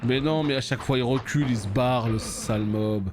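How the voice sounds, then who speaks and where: A man streaming a game live, reacting loudly, swearing and talking to his chat. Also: mid-range voice, fairly quick. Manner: excitable, swears, talks to chat. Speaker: gaming streamer. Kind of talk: live let's play commentary. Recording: music playing behind.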